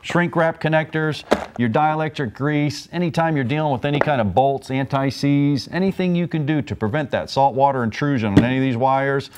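A man's voice: medium pitch, a little fast, a little hiss or hum. A man in his forties, a technician and instructor, giving a folksy, plain-spoken repair demonstration in a large workshop on a lapel mic. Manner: folksy, plain-spoken, explains while working.

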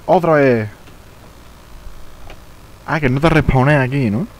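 A young man from streaming live gameplay, chatting casually, swearing and shouting when the game frustrates him. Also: mid-range voice, slow, poor audio.

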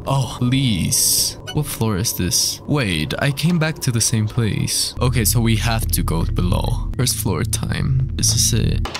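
A man's voice: medium pitch, expressive, slow pace, few pauses. Jumpy male horror game streamer, native Spanish speaker. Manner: nervous, jumpy horror-gamer reactions, thinking aloud; swears often. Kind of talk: let's play commentary, casual and unscripted. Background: game music.

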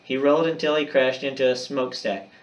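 Male teacher narrating a chapter book for young kids, mid-pitched, dramatic delivery, distant mic. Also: a little fast. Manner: expressive, dramatic storytelling. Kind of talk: reading a chapter book aloud.

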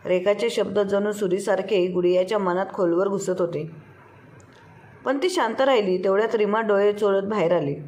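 A woman's voice: mid-range voice, normal speed, a little mellow. Woman narrating a story.

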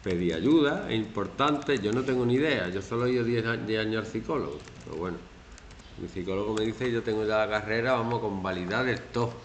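A man from Spain teaching a classroom lesson, animated and acting out quoted phrases in mocking voices. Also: on the low side, brisk, reverberant, a little hiss or hum.

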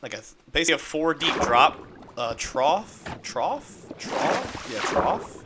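A man's voice: on the high side, big pitch swings, slow, very noisy. A man casually narrating a game-building tutorial step by step, upbeat and playful with little sound effects. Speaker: Minecraft video creator.

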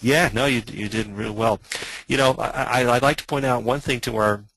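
Gravelly-voiced man hosting a webinar. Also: medium pitch, normal speed, fairly bright tone, no room sound, rough recording. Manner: friendly, stumbling over words. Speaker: webinar host.

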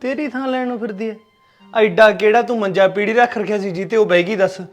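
A man's voice: sits high, fairly even intonation, brisk, faint music behind, lightly acted. An actor playing an exasperated, teasing husband arguing with his wife in a short film. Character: exasperated joking young husband.

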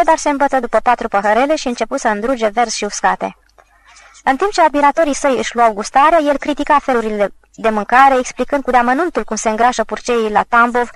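A woman narrating a literary audiobook with a measured, expressive reading. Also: on the high side, no room sound, poor audio.

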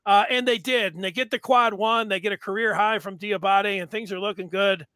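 Bright, high-voiced sports podcast host. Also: male voice, a little fast, no echo. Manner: excitable, rambling with many fillers. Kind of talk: casual sports chat. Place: home room with sports jerseys. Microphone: headset mic on video call.

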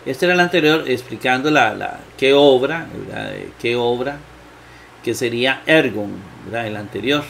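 A man teaching Greek grammar in a slow lecture, thinking aloud with many fillers and asking himself rhetorical questions. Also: mid-range voice, animated, vocal fry, fairly bright tone, slight background noise. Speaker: Bible exegesis teacher.

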